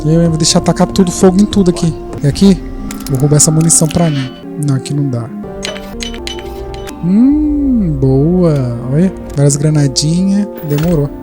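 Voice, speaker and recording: A man giving excitable gameplay commentary, cursing at enemies as he plays. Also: on the high side, normal speed. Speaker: gaming streamer. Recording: voice over loud game music.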